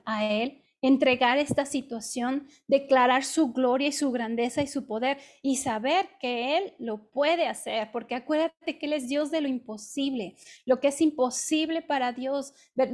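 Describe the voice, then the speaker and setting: A woman's voice: sits high, darkish tone. A woman with a Mexican accent preaching to a women's group in a conversational way, often checking in with her listeners. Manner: conversational, with frequent "¿sí?" check-ins and "este" fillers. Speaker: women's ministry speaker. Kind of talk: devotional preaching.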